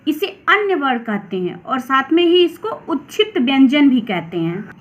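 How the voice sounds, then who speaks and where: A woman teacher with a Hindi accent, slowly and deliberately explaining grammar to children. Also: sits high, sing-song. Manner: slow, deliberate, addresses children. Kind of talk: grammar lesson read aloud.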